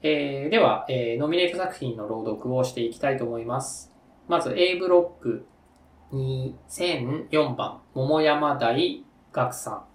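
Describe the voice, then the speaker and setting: A man's voice: medium pitch, a little slow, recorded from a distance. A man from Tokyo hosting a story contest, chatting casually with a rambling manner and many fillers. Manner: lively, rambling, frequent fillers and laughs. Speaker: host, contest judge. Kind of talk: casual podcast chat. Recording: echoey room, a bit off mic.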